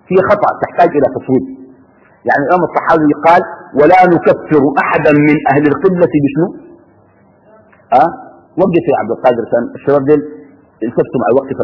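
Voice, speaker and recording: Teaching a class on creed, a man stops to question his students and has them complete his sentences. He's a religious teacher whose fairly high voice carries a breathy edge, captured in a dull lo-fi recording in a reverberant hall.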